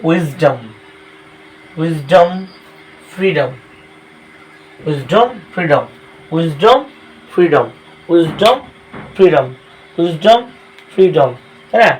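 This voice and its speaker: A man's voice: fairly high pitch, slight background noise, rough recording. A male coaching teacher with a Bangladeshi Bengali accent, giving a classroom grammar lesson and drilling each word aloud with repeated checks for understanding.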